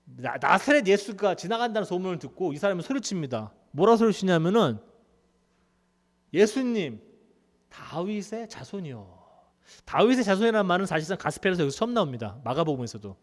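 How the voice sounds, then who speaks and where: A male pastor preaching in a church, his high voice leaping up and down as he tells the story like a conversation. The sanctuary adds a long reverb tail to every phrase. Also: fast, hardly any pauses. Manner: conversational, animated storytelling with laughs. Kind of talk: sermon.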